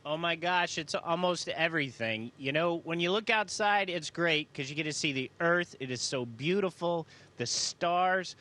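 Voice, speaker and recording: Enthusiastic man with a bright, higher voice. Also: expressive, moderate pace, hardly any pauses. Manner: enthusiastic, folksy. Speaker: astronaut. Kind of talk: casual question-and-answer with students.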